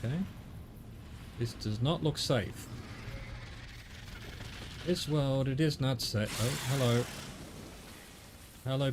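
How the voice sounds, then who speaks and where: A man chats casually through his gameplay in a mid-pitched voice. He is wry and swears freely, addressing the game as he goes. Clear background noise from the game runs behind his voice. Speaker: gamer commentating on own play.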